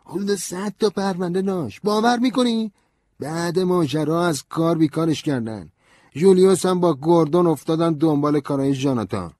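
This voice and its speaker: A man playing a cheerful, crude, energetic young man in an audiobook, brash and slangy in his delivery. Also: a little high, no room sound, natural voice. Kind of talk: audiobook character reading.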